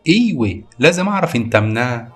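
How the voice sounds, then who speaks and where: A man's voice: medium pitch, very animated, fast talker, voice pushed down, lightly acted. A man playing a pompous nosy village estate agent. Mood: smug. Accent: Egyptian. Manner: self-important, prying, calls the client engineer.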